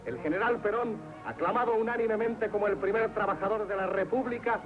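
A man's voice: sits high, a little fast. A man narrating a 1940s newsreel in a solemn, florid, declamatory style. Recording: tinny band-limited 1940s newsreel soundtrack. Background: orchestral music.

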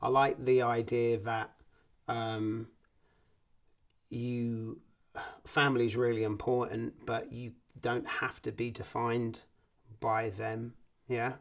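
A man's voice: mid-range voice, little pitch movement, takes it slowly. A man interviewing, talking casually and thinking aloud in a reflective way.

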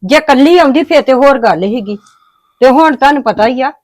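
A woman's voice: sits high, expressive, brisk, darkish tone, no room sound. A woman playing an older mother and wife who talks in a welcoming, homely way.

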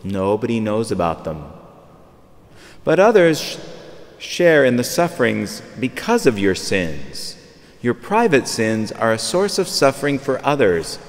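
Fifties male priest preaching off the cuff, medium voice, recorded from afar in a reverberant church. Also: medium pitch. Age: 50s. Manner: conversational, repeats phrases while searching for words. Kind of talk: sermon. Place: large church, at a pulpit. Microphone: far camera.

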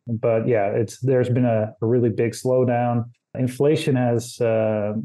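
A man from the Netherlands, a guest in a casual interview, speaking slowly with many "uh" fillers. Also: medium pitch, dark tone.

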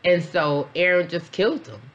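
A woman's voice: lowish voice, normal speed, muffled recording. A woman vlogger giving a casual reaction review, blunt and profane, rambling with lots of fillers, a little tipsy. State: a little tipsy after a beer. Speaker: vlogger, mom reviewing a documentary.

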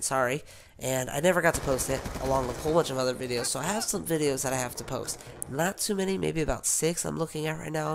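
A man's voice: fairly high pitch, background noise. A man with a sick voice, rambling casually as a gaming YouTuber, with many fillers and restarts. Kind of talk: rambling casual vlog talk.

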